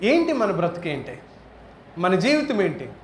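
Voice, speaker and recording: A man's voice: high-pitched, very animated, measured pace. A man preaching a sermon, firing rhetorical questions and rising into emphatic outbursts. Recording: echoey hall with faint ambient noise.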